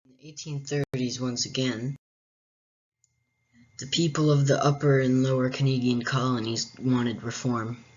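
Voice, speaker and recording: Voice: mid-range voice, little pitch movement, unhurried, slightly rough. A host narrating a history explainer in a casual way, with wry, joking asides. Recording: dull, muffled lo-fi recording.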